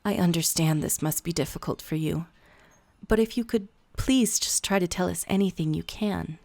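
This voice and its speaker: A woman's voice: fairly low pitch, normal speed, dark tone, dry recording, natural voice. A woman playing a polite TV interviewer who grows exasperated. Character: professional TV interviewer.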